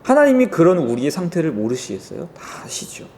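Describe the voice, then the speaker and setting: A young man giving a children's sermon, telling the story in an animated way and addressing the kids directly. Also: a little high, brisk. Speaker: children's ministry pastor.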